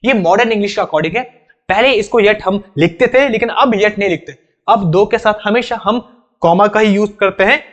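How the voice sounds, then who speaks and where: A man with a Hindi accent teaching English grammar for exam prep, repeating each rule insistently and speaking straight to his students. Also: high-pitched. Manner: repeats rules insistently, addresses students directly. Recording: slightly dull, lo-fi sound.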